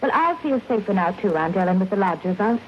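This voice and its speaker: An actress playing a spirited young stage performer in an old radio thriller, pert, curious and polite. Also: female voice, medium pitch, big pitch swings, quick pace, a little hiss or hum, lightly acted. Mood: chatty. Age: young adult. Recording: muffled vintage radio recording with music.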